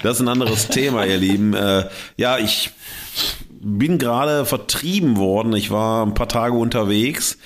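A man's voice: lowish voice, normal speed. A man co-hosting a podcast, chatting casually and telling long stories with many fillers, speaking close to his microphone. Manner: rambling anecdotes with many fillers. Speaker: podcast co-host. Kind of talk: casual chat. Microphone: microphone in front of face.

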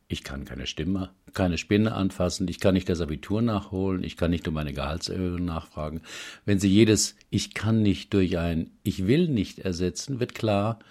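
Man, very low voice, husky, calm and measured, reading self-help advice aloud.

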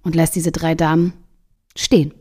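A woman hosting a casual podcast, lively as she retells a film scene. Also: deep voice, normal speed, slightly rough. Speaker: podcast host.

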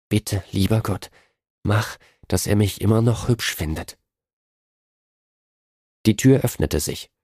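A man reading a story aloud in a calm, measured narration. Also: sits low, no echo, studio quality.

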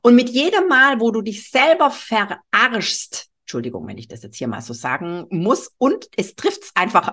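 A middle-aged woman with a fairly bright, higher-pitched voice hosts a weight-loss coaching podcast. Recorded on a studio microphone, she speaks straight to the listener in a monologue, sounding emphatic and strict and often tossing in a questioning "ja?".

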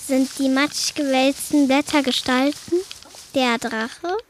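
A woman's voice: sits high, steady tone, unhurried, slight background noise. A girl playing a teasing, curious child in a children's radio play. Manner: teasing, chatty.

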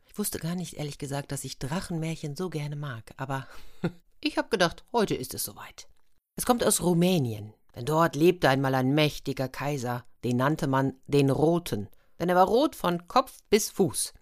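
Woman storyteller, very low voice, chatty asides, fairy tale reading. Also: expressive, normal speed.

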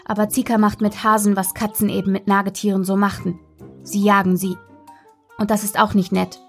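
A woman reading a children's story aloud in a gentle, playful way, narrating as a dog in the first person. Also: medium pitch, level tone, fairly quick, soft background music.

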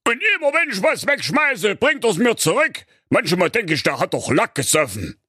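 A man's voice: high voice, very animated, moderate pace, pushed and bright, breathy edge, no echo, voice pushed up, full character voice. A fussy, gossipy old king, played by a male reader in a comic storybook, chattering his complaints in a voice lifted well above a normal speaking voice, with a strained, odd timbre. The delivery is close and dry. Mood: complaining.

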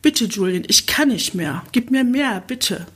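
Woman doing a breathless begging young woman, high and airy, audiobook. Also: expressive, unhurried, slightly rough, heavily acted. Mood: pleading.

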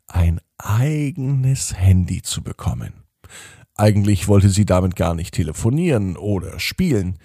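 A man's voice: fairly low pitch, creaky, dark tone, slightly rough, dry recording, clean studio sound. A man hosting and narrating bedtime stories for children, addressing young listeners directly in simple, explanatory phrases. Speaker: podcast host and bedtime storyteller.

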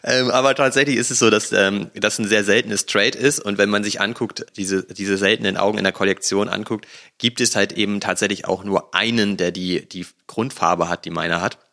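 A man co-hosting a laid-back podcast, his voice sitting a little low but with a bright, forward edge. He tells his stories at length, rambling along with plenty of fillers and asides. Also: fairly even intonation, brisk. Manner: chatty storyteller, rambling with fillers. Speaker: podcast co-host. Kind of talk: casual podcast chat.

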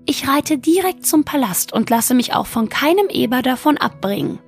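A woman voicing a gentle, worried young daughter in a storybook reading, speaking softly and pleadingly. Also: high-pitched, expressive, moderate pace, soft background music, pitched above the performer's own voice. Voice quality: soft, pleading.

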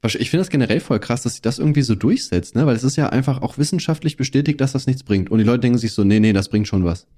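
A man's voice: medium pitch, lively intonation, warm tone. A man bantering and teasing as a podcast co-host in casual chat. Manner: teasing, quick banter with interjections.

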